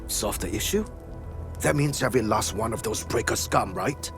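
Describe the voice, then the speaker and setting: An actor playing a gruff, blunt man in a game. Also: lowish voice, moderate pace, close to an everyday voice. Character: gruff man, grateful loyal survivor. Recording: game audio with music.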